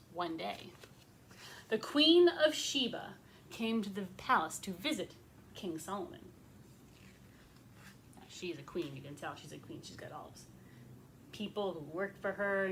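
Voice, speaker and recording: A rabbi leads a children's story time, her medium-pitched voice carrying a little hiss or hum in the recording. She narrates expressively and chats with the young listeners in simple words.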